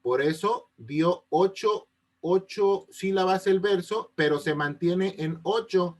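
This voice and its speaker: High-voiced patient male teacher. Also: slow. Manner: patient, checks often that students understand. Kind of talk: online class explanation. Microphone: video call. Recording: unstable connection.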